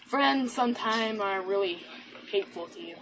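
A woman's voice: medium pitch, lively intonation, normal speed, very noisy. A woman giving playful, giggly commentary over her own gameplay, teasing her friends as she plays. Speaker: gaming channel host. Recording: constant mouse and keyboard clicking.

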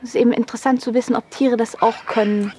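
A woman's voice: fairly high pitch, steady tone, fast. A young woman researcher explaining her work in an interview outdoors. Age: young adult. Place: outdoors by an aviary. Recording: some outdoor background noise.

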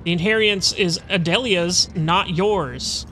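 A man's voice: high-pitched, measured pace, pushed and bright, a little hiss or hum, exaggerated voice. A man voicing a stern, solemn chaplain in a video game, speaking formally.

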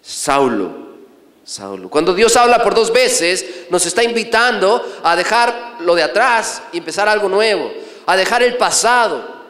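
A middle-aged priest preaching a sermon, telling stories and questioning the audience. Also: male voice, sits high, moderate pace, fairly bright tone. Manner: storytelling, asks the audience questions. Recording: echoey hall from a distance.

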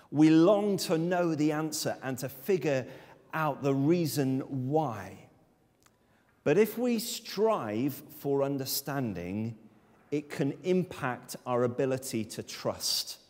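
A man in his thirties, mid-range and a little mellow in voice, preaches an earnest, emphatic sermon from a lectern in a church sanctuary. A far camera picks him up amid long church reverb.

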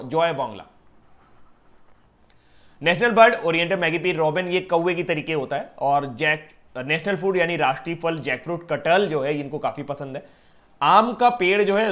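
A man's voice: a little high, fairly bright tone. A man teaching current affairs for government exams in a casual, chatty way, joking with and addressing his students directly. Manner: chatty, teasing, addresses students as yaar and beta. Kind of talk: casual Hindi lecture to students.

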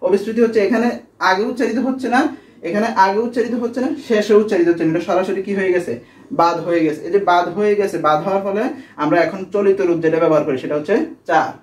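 A man's voice: sits high, quick pace, echoey room, distant mic, a little hiss or hum. A man teaching a school grammar lesson, asking questions and then answering them himself.

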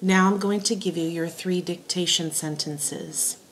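A woman teacher dictating spelling words and sentences in a deliberate way, setting words apart and repeating them. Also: lowish voice. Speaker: teacher giving a spelling test.

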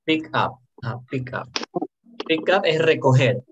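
A male English teacher running a classroom lesson, animated and joking between drills. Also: on the high side, takes it slowly, slight background noise.

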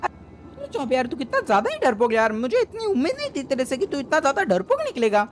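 A woman's voice: sits high, wildly swooping pitch, a little fast. A woman voicing a cheeky, carefree five-year-old boy in a game role-play. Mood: teasing.

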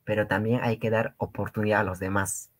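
A man's voice: fairly low pitch, little pitch movement, fairly quick. A man giving a livestreamed language lesson, drilling sounds with exaggerated repetition and addressing viewers as brothers and sisters. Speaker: language teacher.

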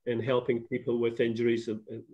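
A middle-aged man talks chattily from his home office, doubling back and restarting his sentences as he goes. His voice sits at an ordinary middle pitch and comes through a slightly muffled video call line. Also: monotone, a little fast. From Scotland. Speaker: guest. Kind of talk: casual video call interview. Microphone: laptop webcam video call.

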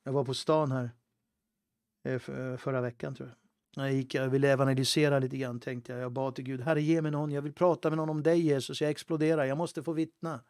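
A man's voice: mid-range voice, level tone, no room sound. Fervent preaching man, dry close sound. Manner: swings between loud fervent preaching and hushed near-whispers; halting, with restarts and fillers. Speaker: pastor. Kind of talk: impassioned livestream sermon.

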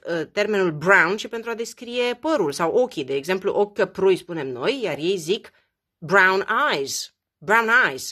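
A Romanian-speaking woman teaching English color words, repeating each slowly and explaining how to pronounce them. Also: medium pitch, fairly bright tone. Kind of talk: language lesson.

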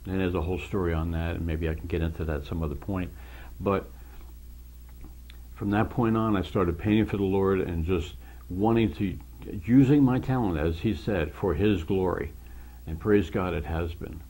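A man tells the story of his conversion in an earnest, emotional way, acting out the conversations he remembers. His voice sits fairly low and sounds husky, and at times he sinks into a near whisper. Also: normal speed. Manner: earnest, emotional, quotes others in dialogue; voice drops to soft whispers at moments. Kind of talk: personal testimony, storytelling.

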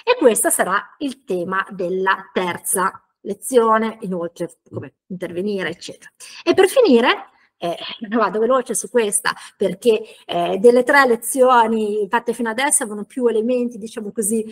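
A woman's voice: fairly high pitch, animated, normal speed. A woman teaching an online lecture, chatty, with frequent laughs and fillers. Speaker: teacher trainer.

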